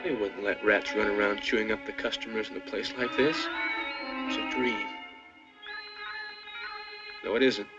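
An actor playing a young soldier's halting, stammering inner monologue that swings between hushed dread and panic. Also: male voice, on the low side, steady tone, dull audio, over loud music, close to an everyday voice. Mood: terrified. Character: young male soldier, maimed, trapped and frightened. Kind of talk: film voice-over inner monologue.

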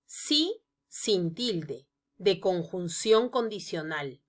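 A woman narrating a scripted grammar lesson, explaining each example slowly and deliberately. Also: lowish voice, very animated. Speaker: teacher.

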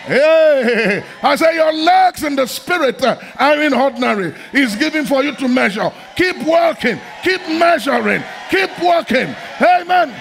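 A middle-aged man preaching a sermon in a large church hall, fervent and repetitive, often breaking into shouts. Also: extremely high pitch, expressive, a little slow, gravelly, few pauses, some chatter behind, a little hiss or hum.

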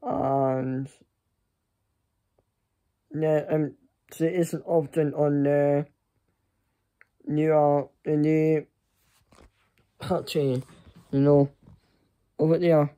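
A young man chatting casually to camera in a halting, rambling way that often trails off. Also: a little high, little pitch movement, dark tone. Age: young adult. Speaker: vlogger. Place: small furnished room indoors. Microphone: phone at arm's length.

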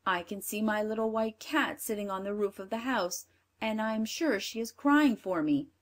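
A woman voicing a brave, gentle young boy in a storybook reading, soft and reassuring. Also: mid-range voice, normal speed, close to an everyday voice. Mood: innocent.

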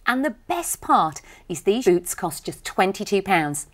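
A middle-aged British woman presents products on a shopping channel. Her pitch is average for a woman but swings in a very animated way. The delivery is scripted and upbeat, recorded in a studio. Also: measured pace. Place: TV studio lounge set.

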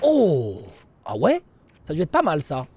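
A man commenting live on his team's esports match, excitable, repeating himself and breaking into shouts. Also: a little high, unhurried, background noise.

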